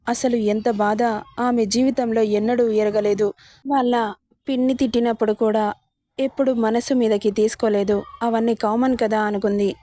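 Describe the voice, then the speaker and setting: Female storyteller, higher voice, dry close sound, emotive drama narration. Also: warm tone, dry recording.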